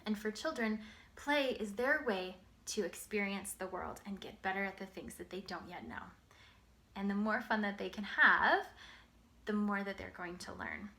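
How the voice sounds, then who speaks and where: A woman speaks as an early literacy educator addressing parents. Her voice sits at a middle pitch for a woman. She explains in simple, clearly laid-out phrases, as in an instructional talk. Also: normal speed, sharp tone.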